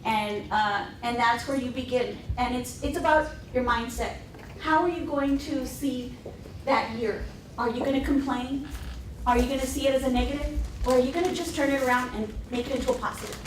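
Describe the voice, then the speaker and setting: A woman's voice: high-pitched, a little fast, background noise. A woman on a teachers' panel telling stories about her early days in the classroom, acting out what people said to her. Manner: animated, acts out past dialogue in quotes. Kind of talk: conversational panel storytelling. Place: conference room panel. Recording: echoey room, mic at a distance.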